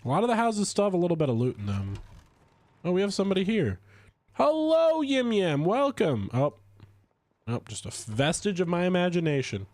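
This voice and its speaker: Man, stuffy from a cold, casual game commentary, lively up-and-down pitch, dry close sound. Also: quick pace, dry recording. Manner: chatty, rambling, lively pitch swings. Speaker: streamer.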